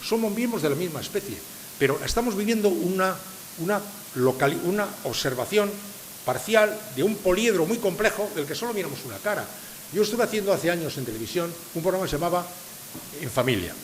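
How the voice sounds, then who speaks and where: This is an older Spanish man from San Sebastián giving a lecture before a live crowd, leaning on rhetorical questions and emphasis. He speaks high-pitched with lively intonation at a slightly quick pace, in a reverberant hall with a little hiss.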